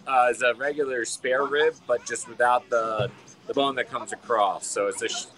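A man's voice: mid-range voice, moderate pace. A middle-aged man from Maryland who owns a barbecue restaurant, chatting casually outdoors with a lot of fillers and trailing "so"s. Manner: relaxed, many fillers, trailing "so". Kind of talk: casual interview. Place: outdoor farmers market booth. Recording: outdoor market crowd noise. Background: market crowd.

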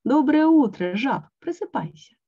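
A woman voicing a small, meek male frog in a storybook who gives quiet, modest replies. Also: high voice, animated, measured pace, pitched above the performer's own voice. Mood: gentle. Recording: dull lo-fi online call.

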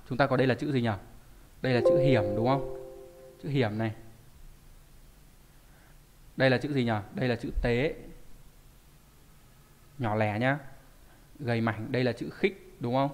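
A man teaching a live online language class, reading out student answers and asking the class frequent rhetorical questions. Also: medium pitch. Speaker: Japanese teacher. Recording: long hall reverb.

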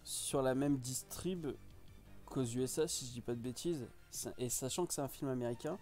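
Guy chatting on a live stream, reacting to the chat, a bit of music low behind him. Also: moderate pace, darkish tone. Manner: chatty, reacts to viewers' comments.

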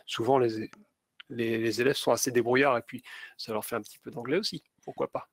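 A man giving a step-by-step software tutorial to teachers, with many small hesitations and fillers. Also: medium pitch, steady tone, fairly quick, no room sound. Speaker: teacher trainer. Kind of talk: screen-share tutorial.

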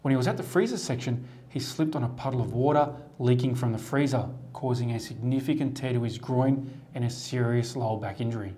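An Australian man, a lawyer, giving a measured, formal scripted explainer to camera from a studio desk on a lapel mic. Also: mid-range voice, slight background noise. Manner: measured, formal, steady delivery. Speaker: lawyer presenting a firm's explainer.

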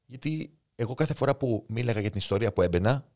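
In a relaxed interview, a guest author and coach in his thirties speaks with a Cypriot Greek accent, his storytelling impulsive, emotional, and spontaneous. His voice sits at medium pitch, animated and slightly mellow.

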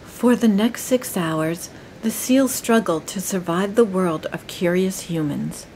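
A woman narrating a nature documentary in a calm, measured and gentle way. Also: fairly low pitch, a little hiss or hum, low-quality recording.

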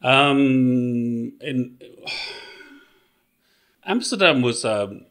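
A man's voice: mid-range voice, lively intonation, very slow, fairly bright tone. A middle-aged man from Wales with a Welsh accent, a podcast guest chatting casually and thinking aloud with many fillers and restarts. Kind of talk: casual interview chat.

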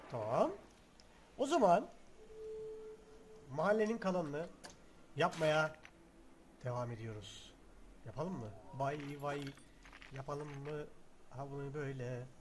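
A young man giving casual let's-play commentary, excitable and chatty, talking to the game's objects with mock threats and sudden shouts. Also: mid-range voice, slight background noise. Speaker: gaming video host.

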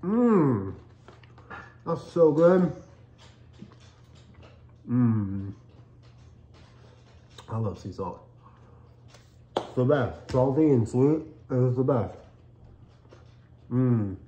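A middle-aged American dad co-hosts a casual cookie review, chatting upbeat and chewing and tasting between lines. His mellow, medium-pitched voice draws out words with long pauses, in an echoey room with dull lo-fi sound.

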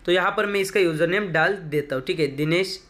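High-voiced man walking through app steps. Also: a little fast, a bit bright. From India. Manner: chatty, repetitive step-by-step instructions. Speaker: tech tutorial youtuber. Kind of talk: screen-recorded how-to walkthrough.

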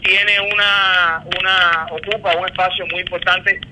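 A man's voice: high-pitched, flat delivery, unhurried, sharp tone. A middle-aged man from Cuba with a Cuban accent, a guest answering interview questions over a video call, hesitant with many fillers. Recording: noisy call line.

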